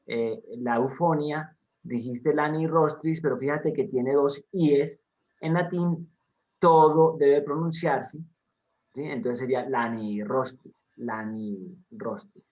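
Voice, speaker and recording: A man of ordinary pitch weighs in carefully, stressing correct pronunciation with a pedantic precision. His audio sounds dull and lo-fi. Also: a little mellow.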